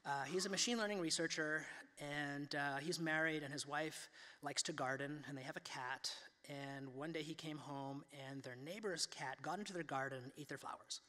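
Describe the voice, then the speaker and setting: A man's voice: on the high side, moderate pace, sharp tone, long reverb tail. A man in his fifties giving a conversational keynote talk at a lectern, with many fillers and restarts. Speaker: keynote speaker. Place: large auditorium, standing at a lectern. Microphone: lectern microphone.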